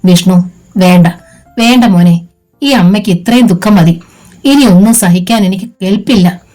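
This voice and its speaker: A woman's voice: mid-range voice, moderate pace, mellow, soft background music, natural voice. A woman voicing a grieving middle-aged mother in an audiobook, speaking tenderly and pleadingly to her son.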